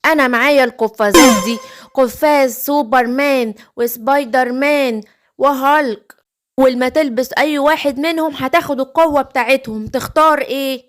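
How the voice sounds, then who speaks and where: A woman with an Egyptian accent voicing a kind, gentle witch who comforts and helps. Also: high voice, moderate pace, natural voice. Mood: soothing. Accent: Egyptian Arabic. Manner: soothing, explaining.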